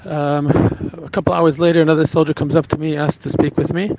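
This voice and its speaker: Earnest, halting man telling a story. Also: a little high, little pitch movement, background noise. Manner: earnest, halting, with frequent restarts. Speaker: rabbi. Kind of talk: recounting a personal story.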